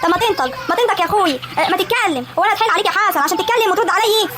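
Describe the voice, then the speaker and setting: A prying, sharp-tongued village sister-in-law with a rural Egyptian accent, played by a woman, her voice very high and her words very fast. Loud outdoor noise runs underneath. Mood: nagging. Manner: prying, nagging.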